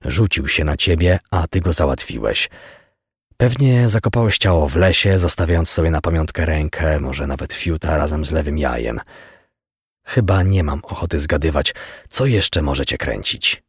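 A man's voice: extremely low pitch, expressive, moderate pace, breathy edge, no room sound, clean studio sound, full character voice. A man voicing a hard-bitten male homicide detective who speaks in a cold, clipped, accusing way.

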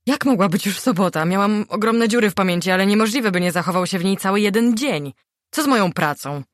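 Kobieta czytająca ekspresyjnie audiobook. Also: female voice, medium pitch, animated, fast, no room sound, studio quality. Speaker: audiobook reader. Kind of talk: first-person audiobook narration.

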